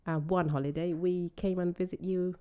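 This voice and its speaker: A woman's voice: on the low side, steady tone, normal speed, clean tone, lo-fi sound. A woman in her thirties co-hosting a casual chat podcast with her husband, giggling and playful. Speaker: podcast co-host.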